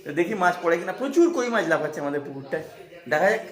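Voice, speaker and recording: A man talking casually in a family home vlog, chatty and often laughing, coaxing a small child gently. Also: high-pitched, very animated, very fast. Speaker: family vlogger. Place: at home, indoors.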